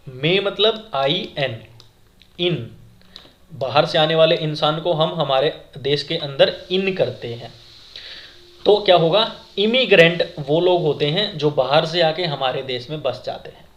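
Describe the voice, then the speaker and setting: An exam-prep English teacher explains vocabulary slowly in a fairly high, fairly bright voice. He asks questions and repeats the answers in this classroom lesson, calling his viewers friends.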